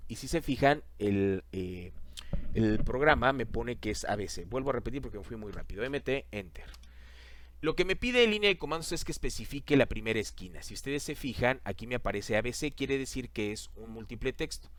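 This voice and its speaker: A man teaching a software lesson over a screen recording, talking the class through each click and repeating the steps. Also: medium pitch, lively intonation, fairly quick, dry recording.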